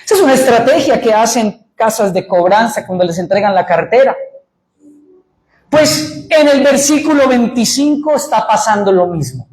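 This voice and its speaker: A Colombian man preaches a sermon with lively energy, tossing questions to his listeners and answering them himself. His voice rings through an echoey church room. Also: very high-pitched, normal speed. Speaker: pastor. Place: church sanctuary.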